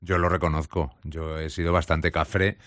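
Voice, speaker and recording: A man, hosting a radio show and telling anecdotes in a lively, laughing way. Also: very deep voice, normal speed, no echo, studio quality. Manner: animated storyteller, laughs often. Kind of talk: casual chat.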